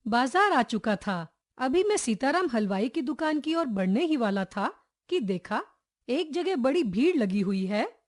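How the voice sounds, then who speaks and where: A woman's voice: high voice, unhurried. A woman reading a humorous children's story aloud from a school textbook, voicing each character as she goes. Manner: expressive, acts out each character's lines. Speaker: textbook chapter reader.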